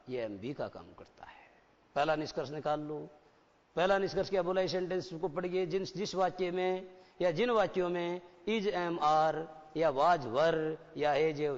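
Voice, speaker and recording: A male English teacher with an Indian accent giving a classroom lecture, explaining step by step and often quizzing the students. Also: on the high side. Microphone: satellite broadcast studio. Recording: dull, lo-fi broadcast with long hall reverb.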